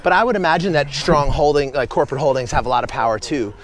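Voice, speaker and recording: A man's voice: fairly high pitch, expressive, fast. A man, a travel vlogger, talking bluntly and opinionatedly on a city walk, swearing casually and calling his companion bro and man. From United States. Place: outdoors on city streets.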